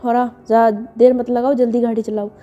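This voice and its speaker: A woman's voice: a little high, flat delivery, brisk, warm tone, lo-fi sound, soft background music, close to an everyday voice. A woman voicing a bossy, protective young woman who gives orders in a scolding tone. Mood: commanding. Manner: commanding, scolding.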